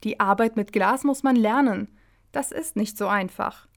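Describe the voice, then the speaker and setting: A woman voicing a calm, kindly male angel who blows glass, in a children's story. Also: mid-range voice, moderate pace, lightly acted.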